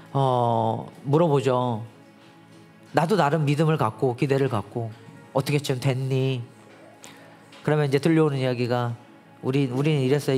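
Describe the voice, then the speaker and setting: A man's voice: mid-range voice, a little mellow. A pastor preaching a Sunday sermon in a conversational way, acting out his prayers and little dialogues, rising and pressing harder when he pleads. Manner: acts out his prayers and dialogues in quoted voices. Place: church worship space.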